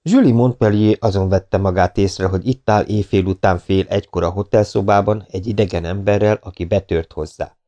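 A man narrating an audiobook in a steady, measured reading. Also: low voice.

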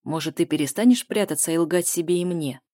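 A woman's voice: lowish voice, brisk, dark tone, dry recording, clean studio sound, close to an everyday voice. Woman reading a brooding, insistent man. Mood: mocking. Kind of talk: audiobook character voice.

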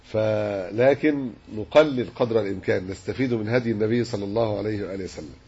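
Gravelly low-voiced sheikh lecturing. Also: male voice, mellow. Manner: measured, explanatory, dwells on word forms. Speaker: sheikh teaching hadith commentary. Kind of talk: religious lesson. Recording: dull lo-fi recording with faint hiss.

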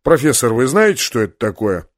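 A man reading the part of a huge, calm male half-giant officer with a deep bass voice, gentle but firm. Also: a little fast, no room sound, clean studio sound. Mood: soft firm.

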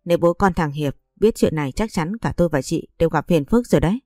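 A woman's voice: sits low, lively intonation, quick pace, dark tone, dry recording, clean studio sound. A woman voicing a cold, scheming middle-aged mother-in-law who talks in a curt, dismissive way. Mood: pleading.

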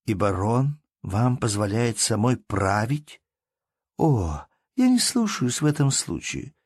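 A man voicing a playful, elegant young baroness who chatters briskly, in a read-aloud story. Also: mid-range voice, big pitch swings, darkish tone, slightly rough, no echo, clean studio sound, full character voice.

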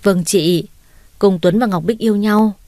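A woman's voice: mid-range voice, unhurried, dark tone, no room sound, lightly acted. An eager young male doctor in an audio story, polite and keen to please. A woman voices him without changing her voice. The sound is dry and close. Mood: earnest.

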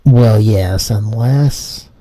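A man on a prank phone call whose voice comes through muffled, as if from behind a wall, speaking slowly and haltingly and repeating himself. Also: fairly low pitch, dark tone, no room sound. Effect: muffled, as if heard through a wall. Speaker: caller.

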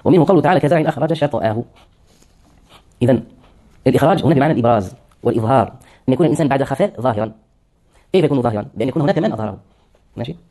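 A man's voice: medium pitch, animated, racing, long pauses, dark tone. A man lecturing on hadith terminology, explaining words one by one and answering his own questions. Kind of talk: classroom lecture.

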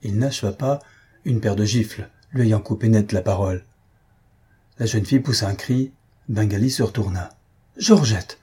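A man narrating a classic story in a steady audiobook reading. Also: fairly low pitch, moderate pace, husky.

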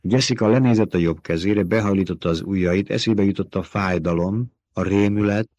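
A man's voice: low voice, a little mellow, dry recording. Man narrating an audiobook, dry close sound. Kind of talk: scripted narration.

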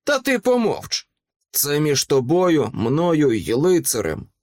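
A man's voice: a little high, expressive, a little slow, darkish tone. A man voicing a cruel, gloating monster that gives menacing commands.

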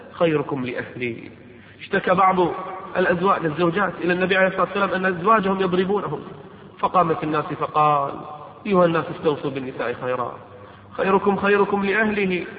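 Male preacher, impassioned and pleading, brisk delivery; echoey hall, tinny phone-like recording. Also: high-pitched. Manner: impassioned, pleading appeals to the listener. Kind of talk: sermon.

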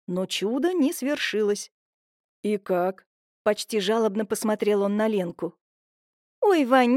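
A woman narrating an audiobook in a lively, expressive way. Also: fairly high pitch, no echo, studio quality. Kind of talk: audiobook narration with character voices.

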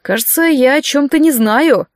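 Storybook figure: a woman doing a dry, deadpan young husband, slow teasing delivery, close dry sound. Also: high-pitched, dry recording, pitched above the performer's own voice, close to an everyday voice. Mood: weary. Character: young male mage husband, dry and wry.

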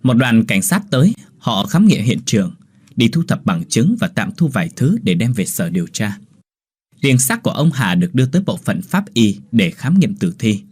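A man's voice: mid-range voice, very animated, normal speed, darkish tone, breathy edge. A man narrating a Vietnamese ghost story in a dramatic, vivid scripted reading.

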